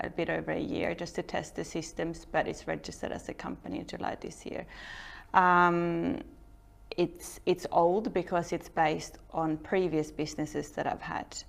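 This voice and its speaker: A woman's voice: lowish voice, gravelly. A middle-aged woman from Norway, speaking English, giving an informal startup talk full of ums and restarts. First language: Norwegian. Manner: hesitant, many ums and restarts. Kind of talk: informal presentation.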